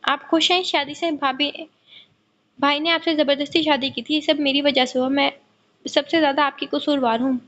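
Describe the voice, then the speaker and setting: A remorseful young woman who speaks quietly and gravely, as a woman narrator voices her in a high voice. The audio novel sounds dull and lo-fi. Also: steady tone, moderate pace. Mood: subdued. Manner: subdued, serious.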